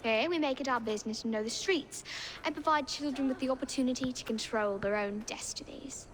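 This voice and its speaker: A woman acts out a shrewd young English girl running Victorian street children in a game. Her voice is high and precise, with a businesslike confidence, over clear background noise. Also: brisk, close to an everyday voice. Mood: earnest. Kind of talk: video game cutscene acting.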